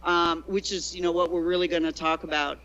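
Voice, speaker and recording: Here the ex-teacher's voice is fairly low, level and a bit bright, moving a little fast as she chats through digressive classroom anecdotes with many restarts. The interview audio is dull.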